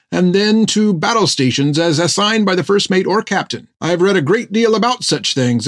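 A man voicing a nervous, bookish male ship's surgeon who rushes and stammers. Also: high-pitched, no room sound, clean studio sound, voice pushed up. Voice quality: fussy, hurried, stammering. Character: timid fussy bookish ship's doctor, male.

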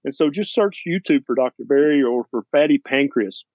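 A man's voice: mid-range voice, lively intonation, brisk, a little mellow, no echo, dull audio. Blunt man with a Tennessee accent. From Tennessee, USA. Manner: blunt, folksy, emphatic. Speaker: doctor and author, interview guest. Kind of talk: conversational interview.

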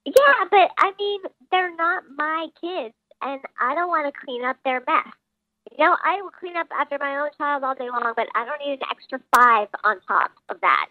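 A woman's voice: high-pitched, expressive, normal speed, dry recording. A woman calling into a radio show with her voice disguised by a voice changer, speaking bluntly and without apology. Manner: blunt, unapologetic. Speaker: caller. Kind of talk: radio call-in chat. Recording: phone line, dry.

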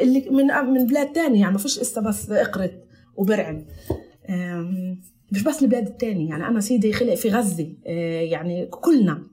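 A woman's voice: fairly high pitch, dark tone. A woman with a Palestinian Arabic accent chatting casually as an interview guest, dropping foreign words into her Arabic. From Palestinian from the Galilee. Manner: mixes English and Italian words into Arabic. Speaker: podcast guest.

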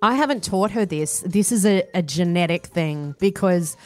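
A woman's voice: on the low side, lively intonation, moderate pace, a little mellow. Middle-aged woman co-host, chatty storyteller who laughs a lot, faint music underneath. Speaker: radio co-host. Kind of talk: casual on-air banter.

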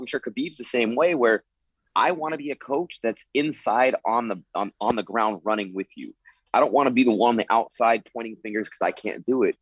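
A former fighter turned coach in his late thirties answers interview questions earnestly, telling reflective stories and leaning on "you know." His mid-range voice is slightly rough, and the recording is dry and muffled.

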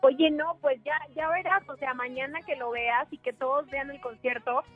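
A woman from Sinaloa, speaking with a Sinaloan accent as a singer and guest from her home. Her voice is high and her manner blunt and full of laughter. The sound comes in somewhat dull and muffled. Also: steady tone, moderate pace, soft background music. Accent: Sinaloan Mexican. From Sinaloa, Mexico.

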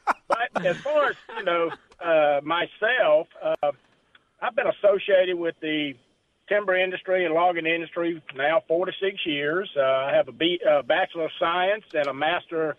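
A man's voice: a little high, normal speed. A middle-aged man from South Carolina with a Southern accent, a guest on a radio show, talking in a friendly, folksy way with many fillers. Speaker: timber association president, guest. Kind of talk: casual radio interview. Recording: tinny phone line.

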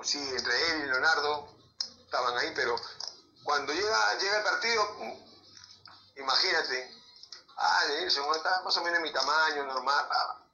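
A man with a Peruvian accent, a former footballer, telling lively anecdotes in an interview, with sound effects and laughter. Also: mid-range voice, creaky, roomy sound, muffled recording, slight background noise. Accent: Peruvian Spanish. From Peru.

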